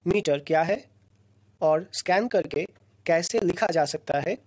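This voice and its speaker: A woman teaching a recorded lesson, explaining slowly and patiently in short phrases with pauses between them. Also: fairly low pitch, darkish tone, breathy edge. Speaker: lecturer.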